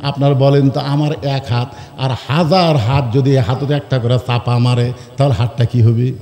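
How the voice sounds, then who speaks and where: A man's voice: medium pitch, steady tone, normal speed, dark tone, reverberant, long reverb tail. A man preaching a sermon, telling stories with great passion, acting out the voices, and calling on the crowd to answer him. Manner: impassioned storytelling, acts out voices, calls on the crowd to answer. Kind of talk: Bengali waz sermon.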